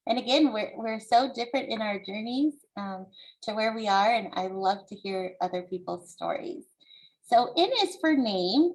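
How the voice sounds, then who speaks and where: A woman from the United States reads her own book to young listeners, explaining it deliberately and encouragingly, like a teacher. Her voice is fairly high, and the recording is rough.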